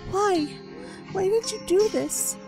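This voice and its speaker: A woman voicing a desperate little girl who clings to her father, high and tearful, reading game dialogue. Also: takes it slowly, exaggerated voice. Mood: pleading. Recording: game music underneath.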